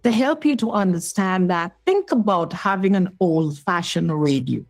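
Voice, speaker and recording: A woman's voice: fairly low pitch, expressive, normal speed, gravelly, no echo, low-quality recording. A woman in her sixties from Guyana, telling her story as an interview guest and minister, earnest and explanatory. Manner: earnest, explanatory, checks in with the listener.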